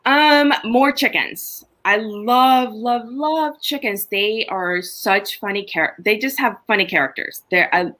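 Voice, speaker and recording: Speaking slowly with hardly any pauses, a middle-aged Honduran woman uses a slightly high voice to share farm stories. She's a farmer guesting on a podcast, and her casual chat is animated, chatty, and punctuated by laughter.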